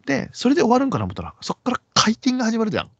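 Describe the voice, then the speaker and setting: A man with a Kansai accent tells a story in casual chat, his pitch swinging widely as he acts out each person in it. His voice sits low and a little husky. The sound is dry and dull, like a lo-fi recording. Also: rapid-fire, no room sound. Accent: Kansai Japanese. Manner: animated, acts out quoted voices in pitch jumps and whispers.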